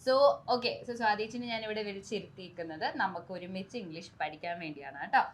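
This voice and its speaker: A young woman from Kerala hosting a bilingual language lesson, teaching English pronunciation and repeating words slowly and carefully to model them. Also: mid-range voice.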